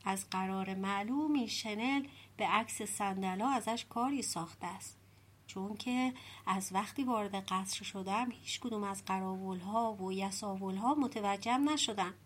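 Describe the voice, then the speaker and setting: A woman's voice: medium pitch, lightly acted. A woman doing a proud hot-tempered young prince. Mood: indignant. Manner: indignant, self-pitying outbursts.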